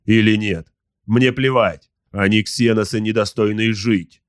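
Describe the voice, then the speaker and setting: A man's voice: lowish voice, steady tone, a little slow, clear, resonant tone, no room sound, studio quality, natural voice. A man voicing a wrathful, commanding space marine captain. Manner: commanding, barking orders. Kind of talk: audiobook character voice.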